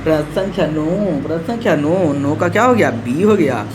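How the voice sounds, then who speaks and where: A man's voice: a little high, animated, normal speed, noisy background. Male tutor, jokey exam-prep lesson style, repeats each answer. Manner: playful, acts out student questions, repeats answers. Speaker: teacher.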